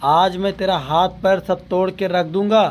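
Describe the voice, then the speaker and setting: A man voicing a hot-tempered young husband in a comedy cartoon who shouts and threatens. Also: high-pitched, fairly even intonation, moderate pace, a little hiss or hum, natural voice. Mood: angry.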